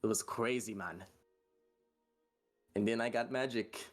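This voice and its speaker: A man's voice: medium pitch, measured pace, soft background music. A man playing a tabletop role-playing game, talking in a loose, rambling way full of fillers and restarts. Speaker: player. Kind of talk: tabletop role-play, casual in-character chat.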